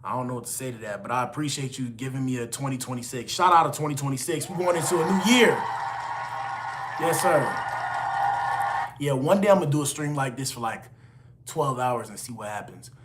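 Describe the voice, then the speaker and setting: A man's voice: medium pitch, a little fast, a bit bright. A man in his late twenties hosting a casual live stream, reading out chat names and answering viewers in loose, laid-back slang. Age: 20s. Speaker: livestream host reading chat.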